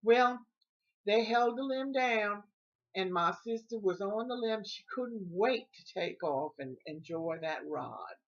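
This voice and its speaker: A woman's voice: medium pitch, expressive, takes it slowly, muffled recording. A middle-aged woman, telling a childhood story on her vlog in a folksy way and laughing often. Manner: folksy, laughing as she tells it. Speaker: vlogger.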